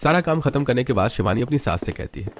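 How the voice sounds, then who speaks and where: A man's voice: medium pitch, lively intonation, quick pace. A man narrating a cartoon story in a plain, scripted storytelling style.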